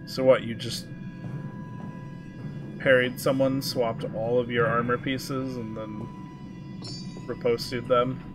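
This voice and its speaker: Slow-talking, wry man streaming a game. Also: mid-range voice, level tone, music in the background. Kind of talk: casual gameplay commentary. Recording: loud game audio behind voice.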